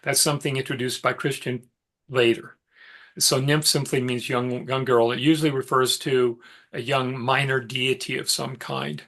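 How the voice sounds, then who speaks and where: A middle-aged man teaching a mythology class, telling the story in a relaxed, conversational way with fillers and side remarks. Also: mid-range voice, moderate pace. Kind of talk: informal lecture storytelling.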